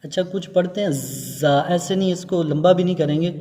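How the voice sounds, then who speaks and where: A male Quran teacher explaining how to pronounce Arabic letters, chanting each letter slowly and drawn out between short explanations. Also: sits high, steady tone, mellow, big-room sound. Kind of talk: Arabic letter pronunciation lesson.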